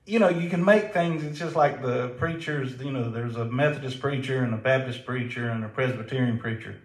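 A man's voice: medium pitch, a little fast, echoey room, rough recording. A man from South Carolina with a Southern drawl, co-hosting a casual faith talk show, folksy and joking, laughing often. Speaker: co-host.

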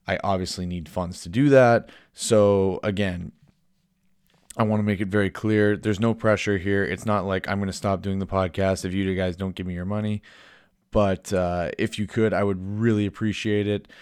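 A man's voice: sits low, steady tone, normal speed, a little mellow, clear, resonant tone, dry recording, clean studio sound. A man in his twenties with a Canadian accent hosting a casual solo sports podcast in a chatty, informal, playfully self-deprecating way. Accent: Canadian English. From Ontario, Canada. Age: 20s. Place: basement den at home.

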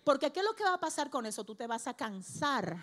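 A woman preacher, giving a sermon that moves from quiet teaching to loud, fiery exhortation in church. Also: sits high, big pitch swings, a little fast.

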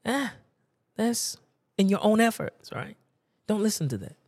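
A man's voice: high-pitched, very animated, unhurried, darkish tone, no room sound. A man preaching a sermon, telling a personal story in a conversational, emphatic and repetitive way.

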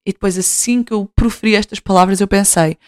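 A woman's voice: mid-range voice, fairly even intonation, brisk, a little mellow, dry recording. Young woman, European Portuguese accent, chatty self-mocking podcast host, dry close sound. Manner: chatty and self-mocking, acts out others' voices. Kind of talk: casual monologue.

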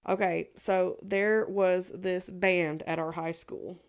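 A woman's voice: fairly low pitch, steady tone, slow, clean tone, highs cut off. A young woman from the American South with a Southern accent, co-hosting a podcast and telling a story in a rambling, giggly way. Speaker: podcast co-host. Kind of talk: casual chat.

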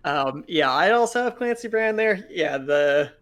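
A man's voice: high-pitched, expressive, unhurried, fairly bright tone. A man co-hosting a casual podcast chat, cracking dry jokes with chuckles. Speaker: podcast co-host.

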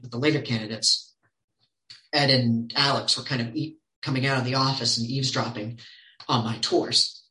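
A man telling stories casually as a podcast guest, animated and quoting others in lively voices. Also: mid-range voice, roomy sound, poor audio. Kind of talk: casual storytelling.

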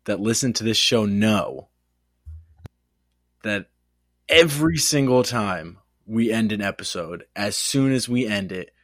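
A man's voice: lowish voice, unhurried, long pauses, a bit bright, no room sound, clean studio sound. A man co-hosting a casual sports podcast, teasing his partner and swearing casually. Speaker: podcast co-host.

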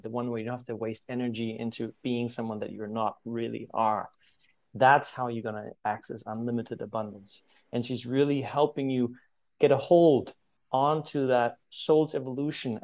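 A man's voice: medium pitch, darkish tone. A man hosting an interview podcast, speaking upbeat and emphatic, addressing listeners directly like friends. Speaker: podcast host.

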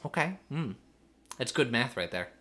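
Bright-voiced man co-hosting a recap podcast. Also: mid-range voice, sing-song, moderate pace. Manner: opinionated, recaps events with quoted asides. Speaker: podcast co-host. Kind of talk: casual recap chat.

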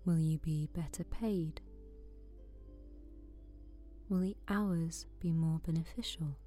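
A woman guiding a sleep meditation in a soft, soothing voice that often drops to a whisper. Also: sits low, fairly even intonation, slow, soft background music. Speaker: meditation guide.

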